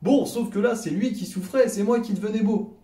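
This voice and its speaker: A young man from France with a French accent, telling comic stories in a sarcastic, animated way and acting out little dialogues. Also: high-pitched, fairly quick, echoey room. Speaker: comedy vlogger. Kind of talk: comedic storytelling monologue.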